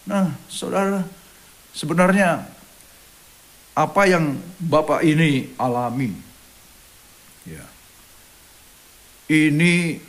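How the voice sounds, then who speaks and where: A man preaching a sermon as pastor, reading verses and switching into English, with a frequent "ya" between phrases and a dramatic raised voice when he quotes. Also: on the high side. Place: church online service.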